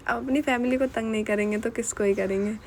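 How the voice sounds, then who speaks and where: A woman's voice: fairly high pitch, steady tone, fast talker, darkish tone, a little hiss or hum. A young woman narrating a casual home vlog, telling a story in a chatty, giggly way. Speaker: vlogger.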